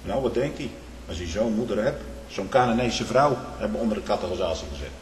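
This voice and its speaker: Low-voiced preacher in an echoey church. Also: male voice, animated, a little fast. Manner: emphatic, with rhetorical "hm?" and "hè?" asides, swinging between hushed and loud. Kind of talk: fervent sermon. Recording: echoey hall with faint background noise.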